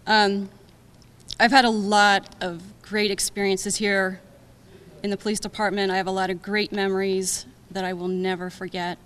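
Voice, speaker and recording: A woman's voice: medium pitch, little pitch movement, moderate pace, fairly bright tone, clean tone. Emotional woman's farewell speech. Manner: heartfelt, grateful, gets emotional. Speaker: retiring police captain. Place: municipal reception room.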